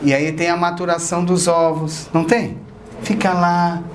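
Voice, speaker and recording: A man's voice: on the high side, level tone, moderate pace, noisy background. A man giving a spiritual lecture, talking conversationally and asking the audience questions. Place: lecture hall of a spiritist association.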